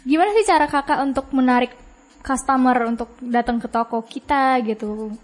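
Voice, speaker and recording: Young woman host, high voice, chatty and responsive casual interviewer. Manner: chatty, responsive, quick with affirmations and laughs.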